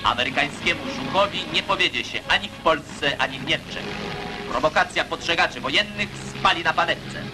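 A man's voice: on the high side, brisk, rough recording. A man narrating an old newsreel in a declamatory, emphatic propaganda delivery. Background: music.

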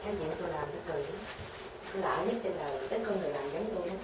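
A woman's voice: low voice, rapid-fire. An older woman, telling a story in a casual chat and acting out the voices of the people in it. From Vietnam. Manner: animated storyteller, acts out quoted voices. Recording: roomy, distant radio recording with background noise.

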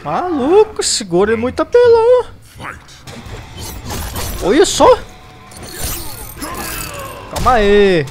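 Excitable Brazilian gamer man over loud game music. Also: very high voice, slow pace, pauses often. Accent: Brazilian Portuguese. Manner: excitable, yelps and groans at the game. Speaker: gameplay commentator. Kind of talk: casual gaming commentary.

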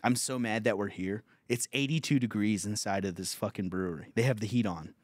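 Profane, animated young man on a podcast. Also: fairly low pitch, a little fast, no echo. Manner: profane, animated storytelling with laughs and acted quotes. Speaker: podcast host, comedian. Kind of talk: casual storytelling chat.

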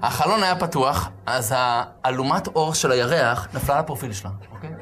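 A man preaching as a rabbi, telling a story with acted-out shouts and sudden loud bursts. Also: medium pitch, a crowd in the background. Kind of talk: animated storytelling sermon.

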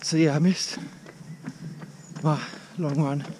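Male running vlogger, British, thirties, slightly higher-pitched, casual clipped phrases spoken mid-run, noisy outdoor audio. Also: fairly even intonation, slow. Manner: talking while running, in short broken phrases. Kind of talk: casual vlog monologue. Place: outdoors on a rural path. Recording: outdoor action-camera audio with clear ambient noise.

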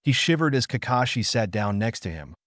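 A man reading a fan fiction story aloud in a steady storytelling manner. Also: mid-range voice, brisk, dry recording, clean studio sound. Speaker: narrator. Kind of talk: scripted fan fiction narration.

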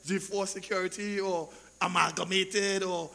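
A man preaching a sermon as pastor, drawing out scripture slowly and leading call-and-response, shouting at the peaks. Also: high-pitched, steady tone, gravelly. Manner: slow, drawn-out scripture reading.

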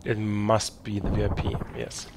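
A man giving casual commentary while playing a shooter game, with relaxed remarks between fights. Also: on the low side, normal speed, creaky, heavy background noise. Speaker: gameplay commentator. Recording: loud gunfire over voice. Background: game gunfire and explosions.

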